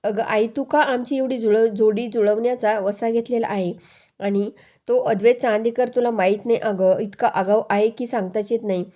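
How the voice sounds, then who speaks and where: A woman's voice: a little high, fairly even intonation, normal speed, dull audio, natural voice. A woman voicing a bossy young wife who scolds her husband, in a stern, commanding tone. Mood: complaining. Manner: stern, commanding, read out plainly.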